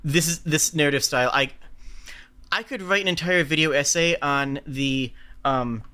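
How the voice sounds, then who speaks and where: Bright, higher-voiced man giving animated game commentary. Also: moderate pace. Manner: emphatic, explanatory, rhetorical questions and self-quoting. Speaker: streamer reacting to game announcements. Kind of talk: live reaction commentary, analytical.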